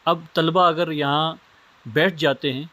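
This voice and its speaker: A man's voice: a little high, steady tone, pushed and bright. Man giving a patient Islamic studies lecture. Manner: explains step by step with simple everyday examples. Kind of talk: recorded lecture.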